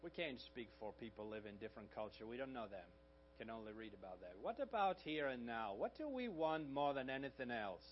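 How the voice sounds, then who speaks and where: A slightly hoarse man delivers a sermon at a mid pitch, easy and conversational, tossing in little asides to his listeners. The recording is dull and lo-fi, with a faint hum running underneath. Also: sing-song, brisk. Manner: conversational preaching with frequent "right?" asides. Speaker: pastor.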